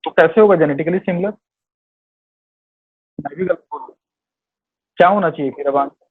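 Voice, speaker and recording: A man's voice: on the high side, moderate pace, husky. A male biology teacher in a live online class, going over quiz answers in Hindi mixed with English terms, correcting himself and calling students "beta". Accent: Hindi-English code-mixing. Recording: tinny phone-like online class audio.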